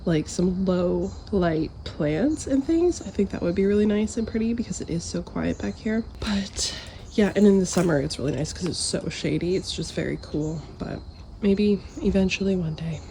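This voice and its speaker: A woman's voice: fairly low pitch, warm tone, slight background noise. A woman who is under the weather, chatting casually and informally to camera in a self-deprecating vlog style. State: sick with a cold. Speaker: vlogger.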